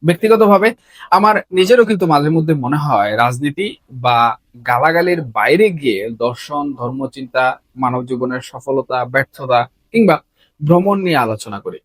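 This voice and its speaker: A man, hosting a solo political commentary in an earnest, measured way and often asking rhetorical questions. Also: on the high side, animated, a bit bright, dry recording. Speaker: political commentator, channel host.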